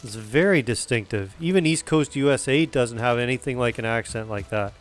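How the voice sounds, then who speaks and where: A man's voice: mid-range voice, fairly quick. A man chatting casually while streaming a game, rambling and poking fun at himself. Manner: chatty, self-deprecating. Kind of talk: casual gaming chat.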